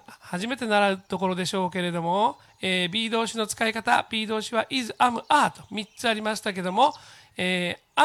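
A teacher giving a recorded grammar lesson to junior high students, explaining patiently with many fillers and saying English model phrases slowly for repetition. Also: a bit bright.

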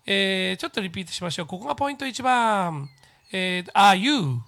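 A teacher explaining grammar step by step, pausing on fillers as they go. English model phrases come out slowly and clearly so students can repeat them. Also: mid-range voice, lively intonation, a bit bright. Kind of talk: recorded English grammar lesson for junior high students.

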